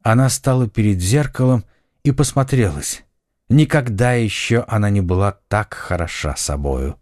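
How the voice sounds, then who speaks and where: A man narrating an adventure audiobook in a scripted, expressive, dramatic way. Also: on the low side, moderate pace, no room sound, studio quality.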